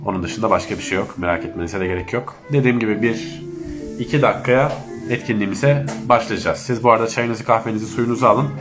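A man's voice: on the low side, fast talker, music in the background. Stuffy-nosed man hosting a casual live chat. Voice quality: congested, stuffy nose. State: stuffy, runny nose from allergy. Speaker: host of an online live chat.

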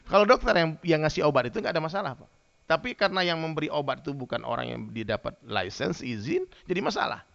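Male preacher telling stories to his congregation, bright tense tone, gravelly edge. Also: fairly high pitch, fast. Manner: lively storytelling, addresses listeners directly. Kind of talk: humorous sermon with anecdotes. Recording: dull lo-fi sound.

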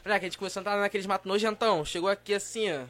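Fast, bright-voiced young carioca man. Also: high-pitched. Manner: animated, slangy, laughing storyteller. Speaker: podcast co-host. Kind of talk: casual storytelling among friends.

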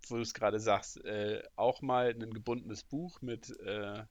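A man's voice: fairly low pitch, fairly even intonation, measured pace, no room sound, highs cut off. A man in a casual podcast chat, telling an anecdote hesitantly, with many fillers and frequent laughs.

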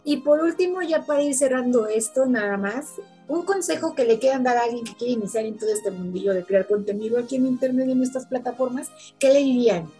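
A woman's voice: on the high side, fairly quick, hardly any pauses, dark tone, faint music behind. A young woman, hosting a casual podcast chat in a chatty way and laughing easily. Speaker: podcast host.

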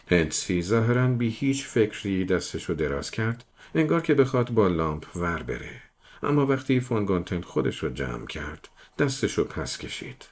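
A man reading a novel aloud in measured first-person storytelling. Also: low voice. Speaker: audiobook reader.

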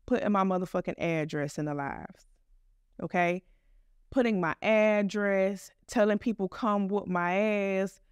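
Woman host, blunt and profane storyteller, smooth tone, mid pitch. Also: no echo, clean studio sound. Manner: blunt, profane, animated retelling. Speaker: podcast host. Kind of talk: casual storytelling.

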